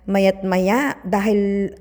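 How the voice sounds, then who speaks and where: A middle-aged Filipino woman, a little hoarse from a cold, chatting and gossiping to viewers while eating on her food vlog. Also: mid-range voice, steady tone, extremely slow, darkish tone, big-room sound. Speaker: food vlogger. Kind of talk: casual eating vlog chat.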